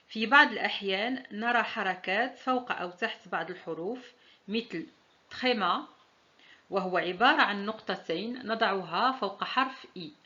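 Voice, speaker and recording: A woman teaching a French lesson, saying each example slowly and deliberately. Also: mid-range voice, bright, forceful tone, highs cut off. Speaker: language teacher.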